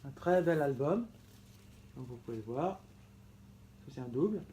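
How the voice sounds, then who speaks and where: A man's voice: mid-range voice, animated, moderate pace, dark tone, slight background noise. A man presenting his vinyl collection in a casual vlog, enthusiastic and often correcting himself mid-sentence. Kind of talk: casual show-and-tell vlog.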